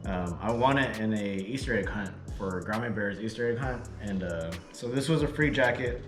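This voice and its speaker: A man with a lowish voice, tired and a little out of breath, chatting loosely to his viewers as he unboxes and reviews gear. The room rings with echo, and music plays clearly behind him. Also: moderate pace. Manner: casual, rambling, talks straight to viewers. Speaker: vlogger. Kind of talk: casual unboxing and review vlog. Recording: echoey room with background music.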